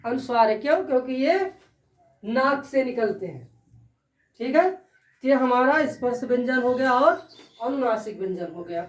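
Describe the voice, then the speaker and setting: A woman's voice: high-pitched, expressive, moderate pace, long pauses. A woman teaching a Sanskrit grammar lesson, asking her students questions and then answering them herself. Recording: echoey room, voice from far off.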